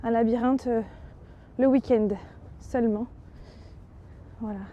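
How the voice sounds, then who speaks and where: A woman's voice: a little high, steady tone, slow, muffled recording, slight background noise. A woman narrating a casual travel vlog in a chatty, enthusiastic way, with many fillers. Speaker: travel vlogger.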